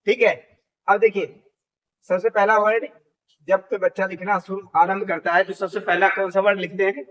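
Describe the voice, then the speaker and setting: Male teacher, high voice, slow deliberate drilling with question-and-answer, dull lo-fi classroom recording. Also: little pitch movement, a bit bright. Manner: drills pronunciation, asks questions and repeats answers. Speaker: Sanskrit teacher. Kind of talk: classroom lesson.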